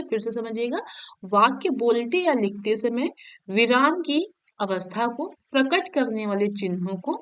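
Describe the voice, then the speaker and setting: A woman teaching a Hindi grammar lesson for exam prep. She reads each definition slowly, then explains it again in everyday words, often checking "okay?". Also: fairly high pitch, no room sound. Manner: explains each point twice, keeps asking "ठीक है?".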